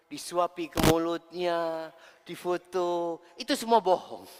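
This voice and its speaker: Lively male preacher in a reverberant hall. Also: fairly high pitch. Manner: lively, addresses listeners as "antum", acts out quoted voices. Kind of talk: sermon to a congregation.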